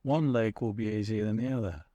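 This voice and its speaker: A man narrating a guided meditation as a guide, speaking in a measured, soothing way with pauses between short phrases. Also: fairly low pitch, mellow, no echo, highs cut off.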